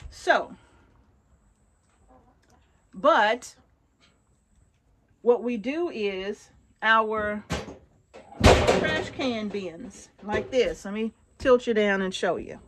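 A woman's voice: medium pitch, expressive, extremely slow, long pauses, slight background noise. A middle-aged woman, chatting casually to viewers as she shows around her barn, checking in with them often. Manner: chatty, addresses viewers directly with frequent check-ins. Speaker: homesteader vlogger. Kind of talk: casual show-and-tell vlog. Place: open wooden barn outdoors. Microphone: phone at arm's length.

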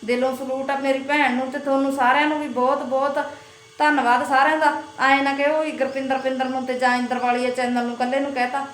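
A woman with a Malwai Punjabi accent speaks to her viewers in a high voice. She is casual, heartfelt and thankful, and she repeats herself often. The sound is echoey, with a faint hum of background noise. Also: level tone, fast, fairly bright tone. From Punjab, India. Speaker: vlogger. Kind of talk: casual talk to camera.

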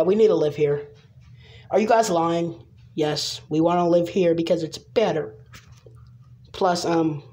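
A woman improvising a toy play video and voicing every figure herself, rambling and hesitant with many pauses and restarts. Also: lowish voice, a little mellow. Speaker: toy video creator voicing all characters.

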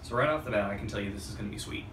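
Man, thirties, casual reviewer, subdued low-key delivery, roomy echoing sound, noisy outdoor balcony. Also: racing, a bit bright. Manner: low-key, keeping his voice down. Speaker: pipe tobacco reviewer. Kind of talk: casual unscripted product review. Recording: roomy, distant mic, clear outdoor background noise.

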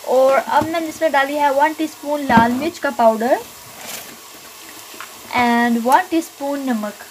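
A woman with a high-pitched voice speaks slowly in a friendly, casual voice-over for her cooking channel, explaining each step of a home recipe and mixing in English words. Frying and stirring sounds fill the noisy background of her home kitchen.

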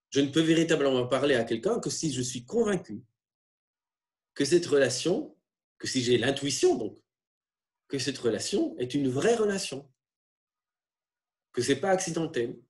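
A man lecturing on religious texts, explaining in a halting way with frequent tag questions. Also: on the high side, very animated, darkish tone.

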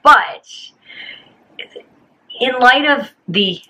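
A woman co-hosting a vlog in casual chat, hoarse after losing her voice and explaining things frankly. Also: high voice, animated, extremely slow, pushed and bright, poor audio. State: hoarse, lost voice. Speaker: channel co-host.

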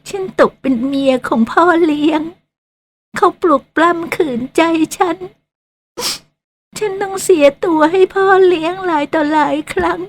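A woman's voice: very high voice, a little slow. A woman voicing a tearful young ghost woman who wanders at night, sobbing, bitter and pleading, in a radio drama. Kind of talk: Thai radio drama acting.

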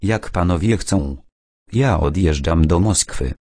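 A man's voice: low voice, animated, slow pace, a little mellow, no echo, clean studio sound, exaggerated voice. A man voicing a beautiful, emotional Ukrainian woman who pleads tenderly in an audiobook. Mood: sad.

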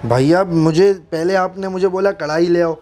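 A man's voice: high voice, fairly even intonation, normal speed. A man from Pakistan, posing as a confused waiter in a prank, cheeky and teasing. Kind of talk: prank role-play.

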